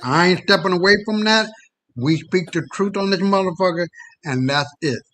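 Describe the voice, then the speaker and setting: A man's voice: high voice, moderate pace, fairly bright tone, poor audio. Blunt, profane male podcast host. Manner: profane, blunt, repeats words. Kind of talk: casual chat.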